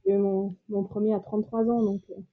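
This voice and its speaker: A woman's voice: medium pitch, little pitch movement, brisk. A French woman in her late thirties, a podcast guest chatting casually, talking with lots of fillers and restarts. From France. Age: 30s. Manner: chatty, many fillers and restarts, laughs easily. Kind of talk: casual interview chat. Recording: tinny phone-like line.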